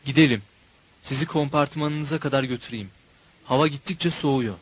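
A man voicing a kindly middle-aged railway switchman who speaks gently and politely. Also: medium pitch, moderate pace, slight background noise, lightly acted. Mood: gentle.

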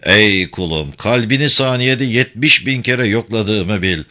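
A man's voice: on the low side, lively intonation, a little slow, bright, forceful tone. A man voicing a stern, solemn old male sufi sheikh who gives grave commands. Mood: solemn commanding.

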